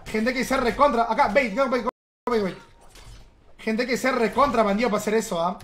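While gaming live, this streamer chats with his audience and teases them in a casual, playful way. His voice is extremely high-pitched and a bit bright, delivered at a moderate pace.

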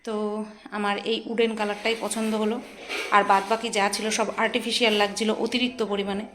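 A woman's voice: medium pitch, little pitch movement, normal speed, music in the background, low-quality recording. A woman chatting casually to her viewers in a home vlog, tired after little sleep. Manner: chatty, addresses viewers directly. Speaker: home vlogger. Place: home, indoors.

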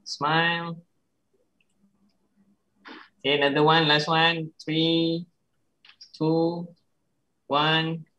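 A woman counting down for a virtual group photo, slow and flat. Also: low voice.

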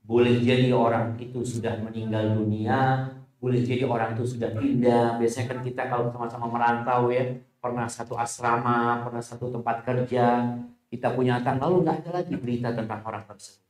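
A man preaching a sermon and answering questions, leaping into a high voice for emphasis. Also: fairly quick. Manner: animated, jumps to high pitch for emphasis. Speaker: Islamic preacher. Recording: echoey hall.

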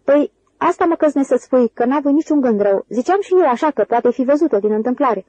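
A woman's voice: high-pitched, animated, mellow, dry recording, pitched above the performer's own voice, poor audio. A woman voicing a short-tempered young ranch man who taunts and picks fights, read in an audiobook. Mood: wheedling.

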